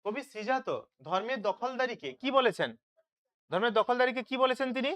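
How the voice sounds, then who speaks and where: Tutor, online revision lesson, smooth clear voice, asks and then answers. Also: mid-range voice, a little fast, a bit bright. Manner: asks questions and answers them himself, checks with "তাই তো?". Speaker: teacher. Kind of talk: online live class, question-and-answer revision.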